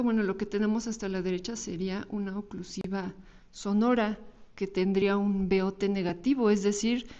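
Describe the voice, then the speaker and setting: With a mellow, mid-range voice and cut-off highs, a woman speaking in a Mexican Spanish accent gives a recorded university lecture over slides. Her delivery is patient and explanatory, sprinkled with tag questions and minor restarts.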